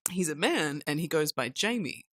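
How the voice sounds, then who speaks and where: A woman's voice: low voice, big pitch swings, moderate pace, a bit bright, slight background noise. A middle-aged woman co-hosting a podcast, explaining her views in casual conversation. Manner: thoughtful, explanatory. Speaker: podcast co-host.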